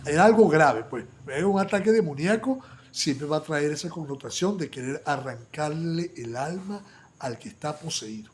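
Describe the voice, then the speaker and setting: A male preacher with a fairly high voice delivers a fervent Bible study sermon. He stumbles into repeated words and restarts, then rises into loud, urgent stretches before dropping back to quiet, intimate asides. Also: lively intonation, moderate pace, a little hiss or hum. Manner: fervent, many restarts and repetitions, swings between loud bursts and quiet asides.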